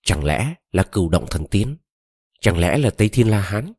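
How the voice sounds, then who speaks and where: A man's voice: on the low side, big pitch swings, normal speed, darkish tone, husky, no room sound, clean studio sound. A man voicing a sly old woman shaman. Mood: probing. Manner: cunning, coaxing.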